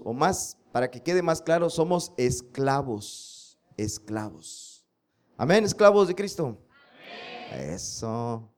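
A man giving a sermon, slowly reciting scripture for his listeners to repeat and asking them rhetorical questions. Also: medium pitch, darkish tone. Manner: slow emphatic recitation of scripture, drilling the audience. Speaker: preacher.

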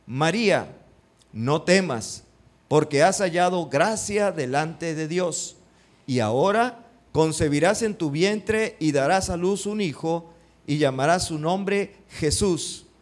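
In his sermon, a man with a fairly high voice for a man reads from scripture, echoing its central lines. Again and again he addresses the congregation with rhetorical questions.

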